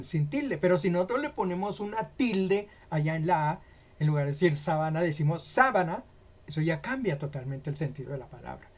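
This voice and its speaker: A man's voice: high-pitched, darkish tone. A man with a Colombian accent teaching a Bible lesson on a church program, explaining step by step through examples and often checking in with a rhetorical question.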